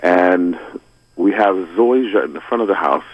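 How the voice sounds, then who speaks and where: Deep-voiced Brooklyn man calling in, slightly husky. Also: moderate pace, rough recording. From Brooklyn, New York. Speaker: radio show caller. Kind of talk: casual call-in conversation.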